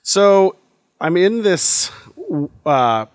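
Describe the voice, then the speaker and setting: A man's voice: high-pitched, expressive, drawn-out words, no echo, studio quality. A man co-hosting a podcast, chatting casually and thinking aloud with many fillers and restarts. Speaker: podcast co-host. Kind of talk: casual chat.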